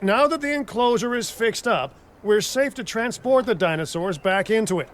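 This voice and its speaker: An actor playing a flippant, self-serving dinosaur park boss in a video game, glib and joking. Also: male voice, sits high, animated, normal speed, fairly bright tone. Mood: brisk explaining. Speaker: park boss giving instructions. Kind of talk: video game character dialogue. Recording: clear vehicle and outdoor ambience noise.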